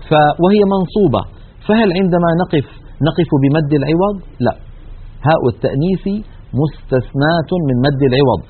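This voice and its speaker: Husky man teaching recitation rules. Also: mid-range voice. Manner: slow explanatory delivery, stretches example words. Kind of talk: recorded tajweed lesson. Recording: tinny narrow-band recording.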